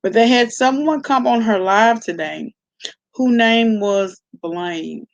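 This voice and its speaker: A woman with a fairly high, creaky voice speaks slowly, and the sound is lo-fi. On her online commentary channel she gossips casually in a chatty reaction vlog, tossing in salty slang and repeatedly checking in with the listener.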